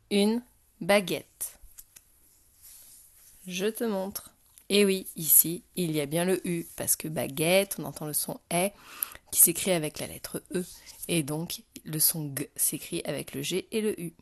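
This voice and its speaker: Woman, primary teacher, slow patient delivery, dry close recording. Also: fairly low pitch, no echo. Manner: slow, patient, addressing the child directly. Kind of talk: phonics lesson to a young child.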